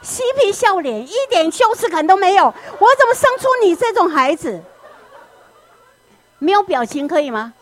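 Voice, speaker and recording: A woman voicing a furious middle-aged mother who scolds her child in shrill, rapid-fire questions. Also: animated, a little mellow.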